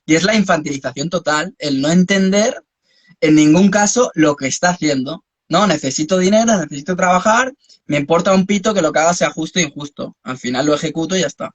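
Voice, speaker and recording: A man's voice: fairly high pitch, brisk, no echo. Musing man with a dry sound. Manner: philosophical, musing, speaks in long spiritual reflections. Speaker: host. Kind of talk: reflective conversation.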